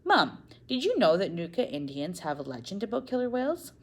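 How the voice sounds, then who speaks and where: A woman's voice: medium pitch, very animated, fairly quick, pitched above the performer's own voice. Woman voicing an eager young girl. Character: young girl, curious and excitable.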